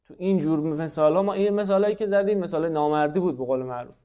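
A man with a fairly high pitch and a dark tone teaches a class, breaking explanations into steps. He repeats himself a lot and questions his students, and the lecture is heard through a dull lo-fi recording.

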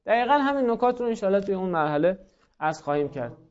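A man's voice: high voice, big pitch swings. A man teaching a class, explaining step by step, often repeating himself and putting questions to his students. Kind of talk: classroom lecture. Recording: dull lo-fi recording.

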